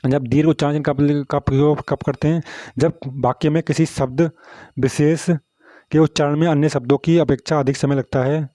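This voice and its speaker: Flat-voiced male grammar teacher. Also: a little high, fairly quick, no room sound. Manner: repetitive, asks "samjhe?" often. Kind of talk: explaining Hindi grammar lesson.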